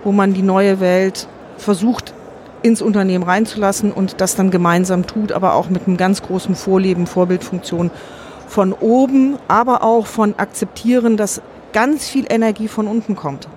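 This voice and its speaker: A woman giving thoughtful, earnest answers in an interview, measured and often correcting herself mid-sentence. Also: medium pitch, steady tone, darkish tone, a little hiss or hum. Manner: earnest and optimistic. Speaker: interview guest.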